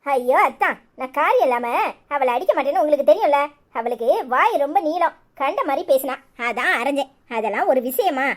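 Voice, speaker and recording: A woman with a Kanyakumari Tamil accent voicing a soft-spoken, apologetic young woman in a cartoon. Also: high voice, lively intonation, brisk.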